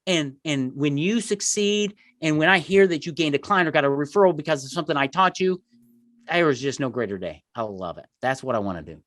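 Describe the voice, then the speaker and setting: A man's voice: a little high, fairly quick, fairly bright tone, no room sound, studio quality. A middle-aged man speaking as an interview guest, telling stories in an emphatic, self-deprecating way and repeating words for emphasis. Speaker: podcast guest, marketing entrepreneur. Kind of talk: conversational interview storytelling.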